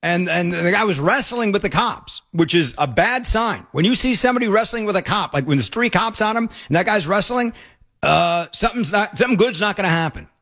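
A man hosting a talk radio show, delivering opinionated commentary in a sarcastic, mocking, excitable way into a studio mic. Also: high voice, a little fast. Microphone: studio broadcast mic.

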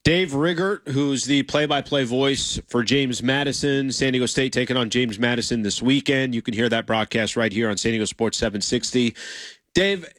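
Male sports radio host with a punchy, loud, packed announcer read, close-miked and dry. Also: medium pitch, moderate pace, dry recording. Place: radio studio.

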